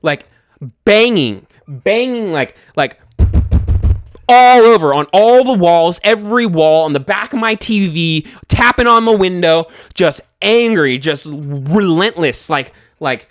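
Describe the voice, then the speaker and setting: A young man telling a scary personal story in casual speech, animated, swearing freely and full of fillers and restarts. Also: high-pitched, a little slow, hardly any pauses, a little hiss or hum.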